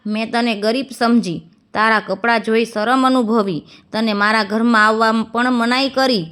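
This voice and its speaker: A remorseful younger sister who once had wealth and lost it all, pleading and apologetic in a storybook tale, as a woman narrator reads her part. Her voice sits a little high. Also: fairly even intonation, normal speed, fairly bright tone, lightly acted. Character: remorseful fallen-rich younger sister, tearful.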